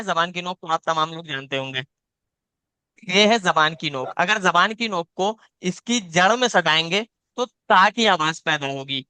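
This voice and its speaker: Bright, clear-voiced male Quran teacher. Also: high voice, no room sound. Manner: patient, repeats points, demonstrates each sound aloud. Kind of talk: live online class, teaching letter sounds. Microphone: video call.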